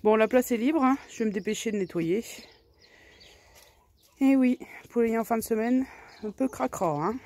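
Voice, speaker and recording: A woman's voice: on the high side, moderate pace, long pauses, darkish tone. A woman in a casual vlog, chatting while she tends her backyard hens and coos to them fondly. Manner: coos fondly and talks baby-talk to her birds. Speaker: backyard poultry keeper. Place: outdoors in a garden henhouse. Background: chickens and a rooster clucking.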